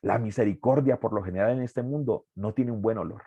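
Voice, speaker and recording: A man's voice: fairly low pitch, a little fast, warm tone, slightly rough, dry recording, highs cut off. A man teaching an evangelism workshop as a preacher, earnest and emphatic, repeating key phrases.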